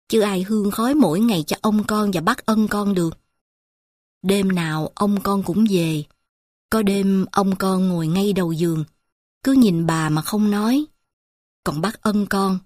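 A woman voicing a poor, grieving old village grandmother who murmurs softly and slowly to her granddaughter. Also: medium pitch, no echo, studio quality, close to an everyday voice. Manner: soft, slow confiding murmur.

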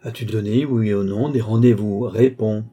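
A man's voice: fairly low pitch, steady tone, normal speed, dark tone, slightly rough. A man voicing an old duke and marshal in an audiobook, sly and teasing, with a lightly threatening, knowing tone. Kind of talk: audiobook reading.

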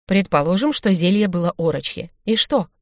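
A woman's voice: lowish voice, lively intonation, moderate pace, no echo. Woman voicing an eager male captain, puzzled, confident, dry close sound, storybook.

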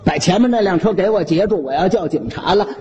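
A man with a Beijing accent voicing a flustered, fat, middle-aged uncle who shouts and stammers. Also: high-pitched, animated, fast talker, dull audio, slight background noise. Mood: frantic.

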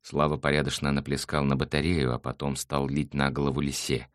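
Male narrator, audiobook, steady reading, very deep voice, dry close sound. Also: a little fast, smooth, dry recording.

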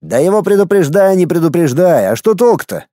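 Man doing an irritable soldier officer, brusque, exclaiming, mid pitch, mellow dark tone. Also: big pitch swings, normal speed, no echo, studio quality. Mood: irritated. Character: irritable middle-aged male soldier officer.

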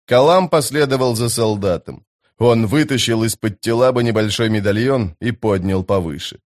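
A man narrating an audiobook in a steady, measured way. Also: medium pitch.

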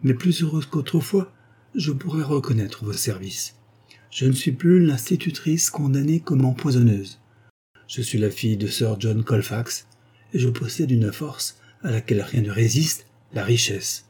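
A man's voice: medium pitch, lively intonation, a little slow, warm tone, husky. A man reading aloud, voicing an earnest young woman who was once a governess and is now a rich heiress.

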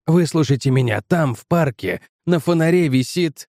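A frantic middle-aged shopkeeper pleads and shouts for help, read by a man in an audiobook. The voice sits a little high and sounds dry and close. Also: expressive, moderate pace, dry recording. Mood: weary.

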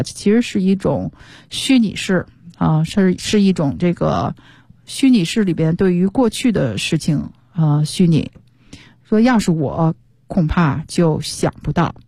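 A woman's voice: fairly low pitch, mellow, no room sound. A woman teaching English on a radio lesson, explaining patiently and spelling words out. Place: radio studio.

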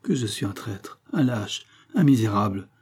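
A man reading aloud, voicing a desperate middle-aged farmer who breaks into anguished, loud outbursts. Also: lowish voice, animated, moderate pace, slightly rough. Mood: frantic.

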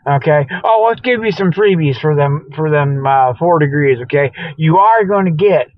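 Speaking at a moderate pace in a fairly high pitch, a weary middle-aged man runs a comedic Bigfoot show with a meandering, folksy, improvised monologue. He throws in mock sales pitches and chuckles at his own humor. There's no room sound, and the audio is dull, lo-fi and radio-style.

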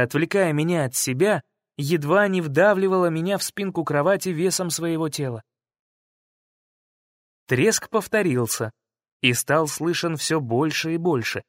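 A man narrating a first-person story in a measured, dramatic reading. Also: on the high side, dry recording, studio quality. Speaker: audiobook narrator.

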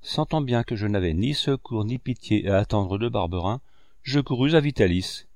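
A man reading a classic novel aloud as an audiobook narrator, measured and expressive. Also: lowish voice, no room sound, studio quality.

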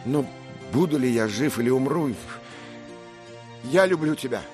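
A man's voice: low voice, lively intonation, normal speed, soft background music, voice pushed up. A man voicing a bold, impulsive young squire who speaks in fervent exclamations, in a read-aloud story.

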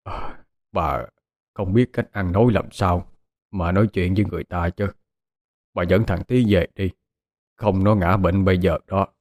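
A man's voice: deep voice, steady tone, moderate pace, pauses often, darkish tone. A man voicing a frail old father who pleads brokenly in a storybook tale. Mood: weary.

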